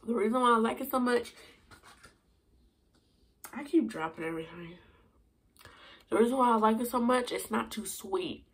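A young woman with a hoarse voice, chatting casually and rambling in a food review vlog. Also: on the high side, moderate pace, pauses often. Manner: chatty, rambling with many fillers. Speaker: vlogger.

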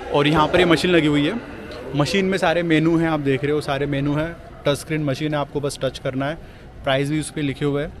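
A young man casually chatting to viewers while walking, filming himself with a handheld action camera outdoors. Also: a little high. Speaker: vlogger. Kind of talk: casual walking travel vlog. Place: busy city streets at night and train platform, outdoors. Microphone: handheld action camera at arm's length. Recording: street noise behind. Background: city street and station noise.

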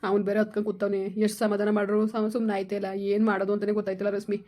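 A man's voice: sits high, monotone, rapid-fire, warm tone. A man, talking with his wife in a casual family chat, earnest and lamenting. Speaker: husband in a family vlog. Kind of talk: casual heartfelt family talk.

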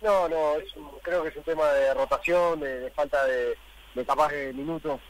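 A man's voice: fairly high pitch, steady tone, moderate pace, poor audio. A Uruguayan man, a club director, giving post-match interview answers and searching a little for his words.

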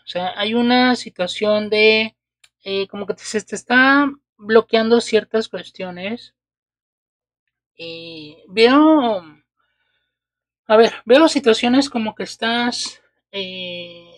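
Unhurried woman reading tarot cards. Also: mid-range voice, no echo. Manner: unhurried, many filler "eh"s and checking "¿ok?". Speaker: tarot reader. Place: indoors at a table.

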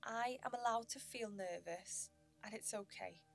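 A woman narrating a guided meditation in a gentle, soothing sleep-story manner, with measured pauses. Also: a little high, soft background music.

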